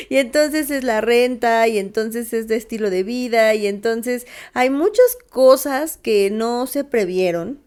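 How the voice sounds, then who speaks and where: A woman co-hosting a podcast, chatting in an upbeat way and laughing often between phrases. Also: fairly high pitch. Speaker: podcast co-host. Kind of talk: casual podcast chat.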